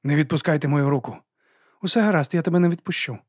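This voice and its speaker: A man reading an audiobook, voicing a calm young man who gives urgent instructions. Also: on the high side, fast, husky, no room sound, studio quality, voice pushed up.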